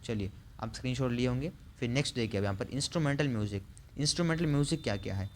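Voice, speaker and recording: A man's voice: mid-range voice, slight background noise. Man reading lists in an online class. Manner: reads out lists, adds frequent "theek hai" fillers; slows down to spell out hard names. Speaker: teacher.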